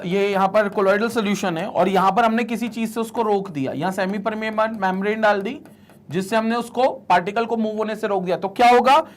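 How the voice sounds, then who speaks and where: A woman giving an exam-prep chemistry lecture. She mixes English terms into her speech, reads questions out slowly and repeats each answer. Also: fairly high pitch. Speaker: chemistry teacher.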